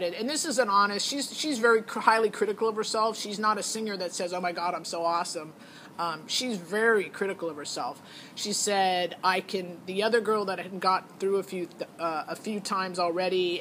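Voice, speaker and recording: The recording is rough, with a little hiss or hum, as a middle-aged mom vlogger gives a casual, rambling review of a singing show audition. Her voice sits on the low side with a fairly bright tone, and she thinks aloud hesitantly and matter-of-factly.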